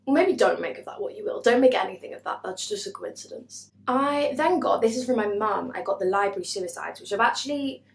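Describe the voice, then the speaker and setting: A woman's voice: mid-range voice, expressive, a little fast, few pauses. A woman, chatting bubbly and self-mocking through a book haul vlog. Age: 20s. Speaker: booktuber. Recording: echoey room.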